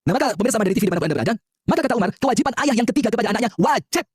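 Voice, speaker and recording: Husky high-voiced preacher, jokey, keeps quizzing the crowd, dry sound. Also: male voice, expressive, very fast, darkish tone, no room sound. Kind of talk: lively sermon with call-and-response.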